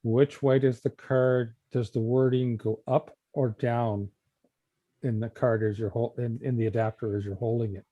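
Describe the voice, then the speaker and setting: A man hosting a video call, explaining carefully in a relaxed way. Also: medium pitch, moderate pace, dry recording, dull audio. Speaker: show host. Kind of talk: casual video call talk.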